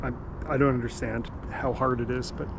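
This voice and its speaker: A man's voice: medium pitch, little pitch movement, normal speed, creaky. A man chatting casually and rambling in a laid-back way while out on a run, vlogging as he goes. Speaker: running vlogger. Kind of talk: casual rambling vlog chat. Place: outdoors on a run, near a car. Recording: outdoor recording with car and ambient noise.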